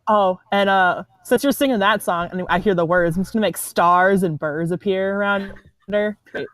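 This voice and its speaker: A woman's voice: mid-range voice, normal speed, a bit bright, no room sound. A woman playing in a tabletop role-playing game, chatting playfully with jokes and giggles. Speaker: player. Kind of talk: casual tabletop game chat.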